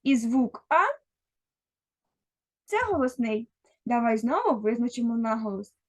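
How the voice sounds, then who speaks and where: Woman teacher talking slow n patient to a little kid, bit high voice. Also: very animated, a little mellow. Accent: Ukrainian. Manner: slow, patient, addressing a child directly. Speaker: primary school teacher. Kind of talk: first-grade literacy lesson.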